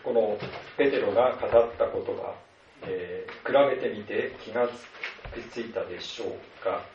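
A man preaches a sermon to his congregation, unhurried and sprinkled with soft hesitations. He is heard from a distance in a roomy church hall. The recording is dull and lo-fi with a faint hiss. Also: fairly low pitch. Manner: measured, with many soft fillers. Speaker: pastor.

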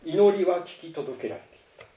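A man preaching a sermon as a pastor, earnest and animated in his delivery. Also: high-pitched, moderate pace. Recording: roomy, distant, dull sound.

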